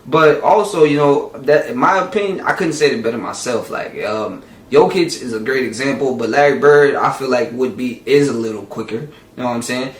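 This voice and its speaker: A man hosting a reaction video in loose, rambling talk, with frequent "you know what I'm saying". He sits away from the mic in an echoing room, and his voice sits at a middle pitch. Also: brisk, few pauses. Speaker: reaction channel host. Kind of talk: casual commentary on a clip. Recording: echoey room, far from mic.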